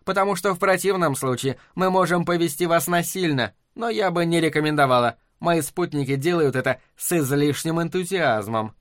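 Мужчина читает невозмутимую женщину-полицейского. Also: male voice, a little high, normal speed, hardly any pauses, no room sound, clean studio sound, close to an everyday voice. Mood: cool. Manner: quiet, flat, matter-of-fact. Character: small, cool, composed female police officer.

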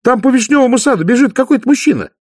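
A man voicing the youngest of three sisters, an eager, whiny young woman who rushes her words. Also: high voice, expressive, a little mellow, dry recording, clean studio sound, voice pushed up. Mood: excited. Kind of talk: audiobook character voice.

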